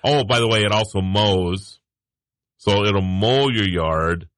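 A man's voice: fairly low pitch, slow, fairly bright tone, no room sound. Chatty man on air. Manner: chatty, enthusiastic, laughs easily. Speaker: radio show co-host, tech contributor. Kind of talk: casual on-air chat.

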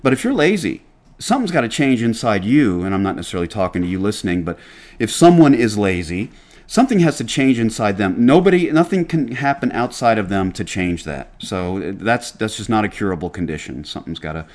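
A man's voice: fairly low pitch, big pitch swings, a little fast, darkish tone. Emphatic Southern-born man hosting a talk show. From Atlanta, Georgia, US. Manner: emphatic, lecturing, restarts often. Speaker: podcast host. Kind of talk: casual radio chat.

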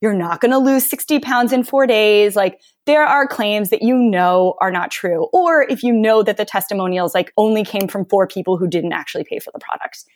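Appearing as a guest on a podcast interview, a woman copywriter tells stories in a lively way. She's an animated storyteller who acts out what others said, mimicking them in a high voice.

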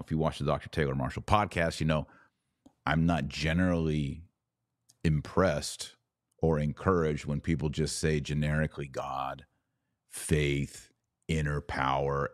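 A podcast host offers conversational opinion commentary, speaking emphatically with repeated words, rhetorical questions, and a wry, sarcastic edge. His voice rumbles low in a dry, studio-quality recording.

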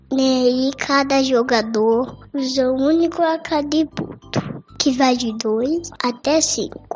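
A woman's voice: high-pitched, muffled recording. A female speaker with a Brazilian accent, reading out a scripted explanation of game rules.

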